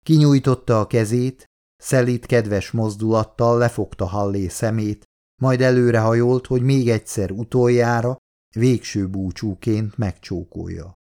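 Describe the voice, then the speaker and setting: A man with a medium-pitched voice narrates an audiobook, reading the script in a steady, measured way.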